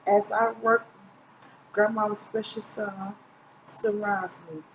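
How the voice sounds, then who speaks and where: A middle-aged woman takes it slowly, reading a children's picture book in a level, medium-pitched voice. Her informal narration has occasional stumbles and corrections, and the poor audio carries a little hiss or hum from the small indoor room where she sits near the camera.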